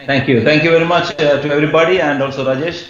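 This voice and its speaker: A man's voice: fairly high pitch, fairly even intonation, fast, fairly bright tone. A man as a guest trainer on a live-stream business talk, explaining earnestly and reassuringly. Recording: muffled, roomy remote audio.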